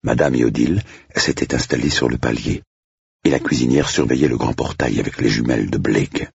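Man, audiobook narrator, very husky, dry close sound, dull lo-fi recording. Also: rumbling low, fairly quick, a little mellow, no echo.

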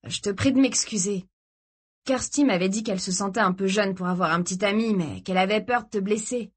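A woman voicing a calm, protective young man who speaks in a measured, placating way. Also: medium pitch, husky, natural voice.

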